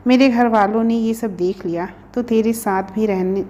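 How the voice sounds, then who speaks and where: A woman's voice: a little high, steady tone, normal speed, warm tone, highs cut off, slight background noise, natural voice. A woman reading a storybook, voicing an anxious young female friend who urges her companion to go. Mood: urging.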